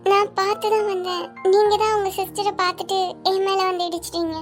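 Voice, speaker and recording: A spirited young student in a cartoon, her voice very high and quick to talk back. Music runs faintly underneath. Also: fairly even intonation. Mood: defiant. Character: feisty young female first-year medical student Swathi.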